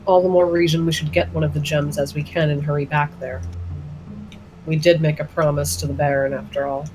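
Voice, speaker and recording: A man's voice: on the high side, little pitch movement, brisk, background noise. A man playing a tabletop role-playing game, talking casually in character with the others.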